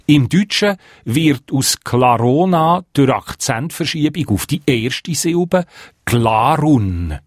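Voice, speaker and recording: Slow, measured man in a dry studio. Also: fairly high pitch, animated, no echo. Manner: measured and precise. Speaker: radio reporter. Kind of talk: scripted explainer segment.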